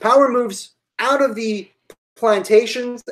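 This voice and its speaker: A woman's voice: on the high side, takes it slowly, rough recording. A woman giving a live-streamed history lecture to online students, thinking aloud with fillers and asides.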